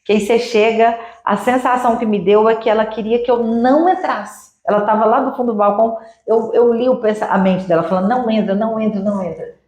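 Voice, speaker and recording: Energetic woman. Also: a little high, a little fast, few pauses. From Uberlândia, Minas Gerais, Brazil. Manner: energetic, teacherly, acts out sample dialogues. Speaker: sales mentor guest. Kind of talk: didactic interview answers. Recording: echoey room.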